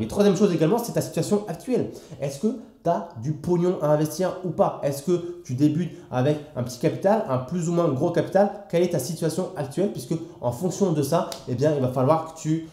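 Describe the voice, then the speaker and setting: A man's voice: fairly high pitch, dark tone, reverberant. A young French man explaining stock investing to the viewer in a familiar, casual way, full of fillers. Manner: familiar, addresses the viewer directly with frequent fillers. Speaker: investing educator.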